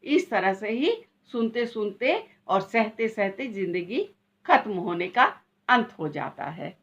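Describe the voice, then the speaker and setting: A woman's voice: mid-range voice, sing-song, takes it slowly, fairly bright tone. A middle-aged woman vlogger telling her story in a dramatic, lamenting way, full of exclamations. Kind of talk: dramatic personal monologue. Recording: dull lo-fi recording.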